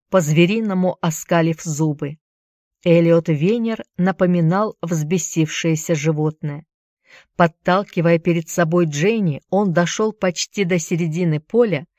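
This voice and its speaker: A woman narrating a novel in a steady, measured storytelling manner. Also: fairly low pitch, dry recording. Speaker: audiobook narrator. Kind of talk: scripted narration. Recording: dry close studio sound.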